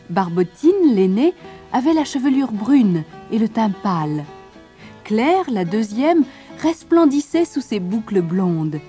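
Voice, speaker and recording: A woman narrating a fairy tale in an expressive, lilting storybook style. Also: mid-range voice.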